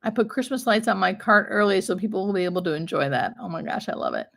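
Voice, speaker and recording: A woman's voice: medium pitch, expressive, quick pace, vocal fry, fairly bright tone. Female hospice nurse, live-stream host, informal conversational delivery with plain explanations. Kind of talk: casual live-stream chat answering viewer questions.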